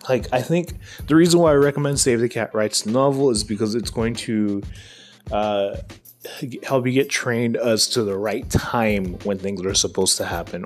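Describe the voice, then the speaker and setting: A man hosting a casual solo podcast about writing, talking in a loose, rambling way with lots of fillers and restarts while he has the hiccups. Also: medium pitch. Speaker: podcast host.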